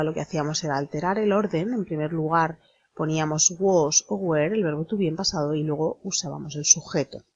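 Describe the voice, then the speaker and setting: A woman explaining an English grammar lesson in a slow, deliberate manner, spelling out letters. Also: low voice, darkish tone, husky, no room sound, lo-fi sound. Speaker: English teacher.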